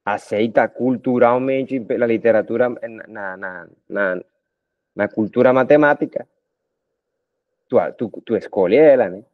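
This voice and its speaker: A middle-aged Colombian man with a Spanish-speaker's accent gives a math lecture in a casual, conversational way. He keeps checking in with his students through little tag questions. The recording is dry and close, with a muffled, lo-fi tone and a voice of middling pitch. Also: unhurried, no echo. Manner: talkative, addresses students informally with frequent tag questions. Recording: dull lo-fi dry sound.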